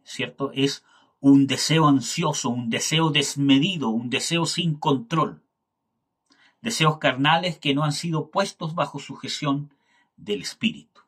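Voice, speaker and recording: A man teaching a Bible class, often checking in with his listeners and pausing to search for words. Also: medium pitch, fairly bright tone, breathy edge. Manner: keeps checking in with "¿cierto?" and searches for words aloud.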